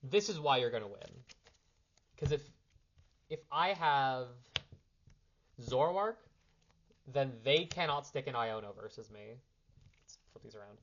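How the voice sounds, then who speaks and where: Expressive and a little slow, pausing often, a young man with a medium-pitched, fairly bright voice gives an off-the-cuff card game strategy primer on a lo-fi recording. He's a little sick, and he rambles and corrects himself while handling cards in this casual explanation.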